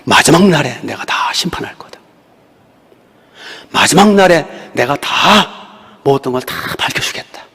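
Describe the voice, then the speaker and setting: A man voicing the Lord, speaking softly and slowly in hushed, comforting reassurance. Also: fairly high pitch, expressive, breathy edge, heavily acted. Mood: tender. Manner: soft, slow, hushed reassurance. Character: the Lord, gentle comforting divine male voice. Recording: reverberant church hall.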